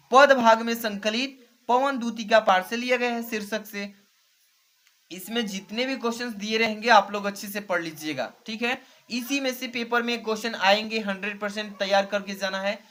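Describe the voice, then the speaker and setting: A man's voice: high-pitched, a bit bright. A male teacher explaining an exam model paper step by step and often checking in with his students. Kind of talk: exam revision lesson.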